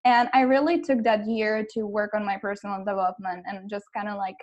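A woman's voice: mid-range voice, steady tone, a little fast, darkish tone. A woman from the Czech Republic, in her thirties, a guest coach on a podcast, giggly and enthusiastic, laughing often as she talks. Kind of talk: casual podcast interview.

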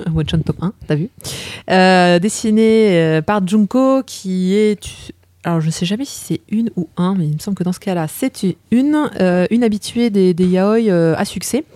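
A lively woman from Paris presents a manga in a casual panel chat, stacking fillers and laughing easily. Her voice sits at a middle pitch in a dry, close-sounding room. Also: normal speed, dry recording. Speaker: manga reviewer.

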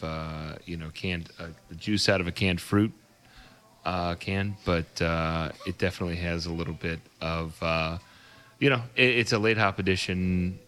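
A man chatting casually on a podcast and presenting a beer. He is laid-back and fills pauses with lots of ums and uhs. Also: low voice, a bit bright. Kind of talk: casual chat.

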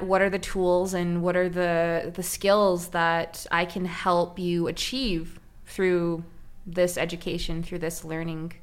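Smooth, low-voiced woman speaking earnestly. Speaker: interviewee, education project lead. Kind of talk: reflective interview answer.

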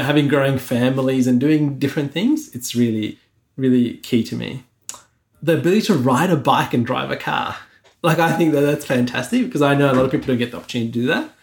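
A middle-aged man with a gravelly edge to his voice chats on a podcast. He sounds earnest and reflective as he goes through a list item by item. His pitch sits in the middle for a man. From Sri Lanka. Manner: earnest, reflective, lists things one by one. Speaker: podcast co-host. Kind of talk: casual podcast chat.

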